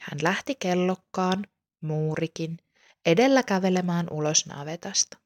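A woman reading a children's story aloud in a calm, unhurried way. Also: fairly low pitch.

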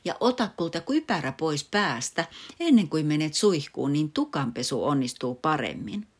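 A woman voicing a fussy but caring mother rabbit in a storybook, with sharp, scolding exclamations. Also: low voice, big pitch swings, breathy edge, heavily acted.

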